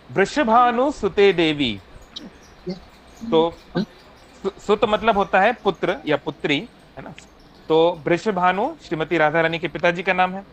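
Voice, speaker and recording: A man's voice: high-pitched, a bit bright, a little hiss or hum, poor audio. A man teaching an online devotional class from his phone, explaining patiently and checking in with listeners, mixing English phrases in. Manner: explanatory, asks "है ना?" often, mixes English phrases.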